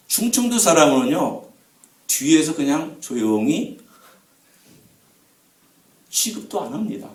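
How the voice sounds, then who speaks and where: A man in his fifties preaching a revival-meeting sermon, telling personal stories emphatically to the congregation. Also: medium pitch. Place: church sanctuary. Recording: echoey church hall, voice from a distance.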